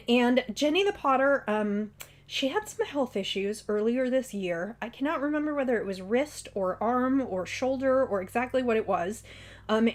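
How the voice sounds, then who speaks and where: Her voice fairly high and a bit bright, a woman hosts her own podcast in a relaxed talk to camera. She's chatty and mildly congested from a cold, and ums come up often.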